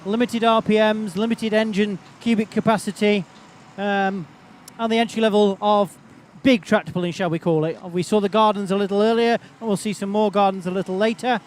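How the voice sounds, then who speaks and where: A man's voice: sits high, fairly even intonation, brisk, slight background noise. A man working as a tractor pull announcer, giving live, chatty, rambling commentary outdoors. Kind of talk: live unscripted event commentary. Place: outdoors at a tractor pulling event.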